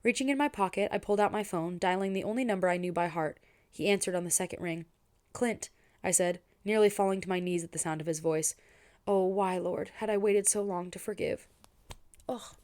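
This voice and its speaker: A young woman reading a novel aloud expressively, pausing to give her own reactions. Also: mid-range voice. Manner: expressive and personal, stops to react. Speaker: book reader and reviewer.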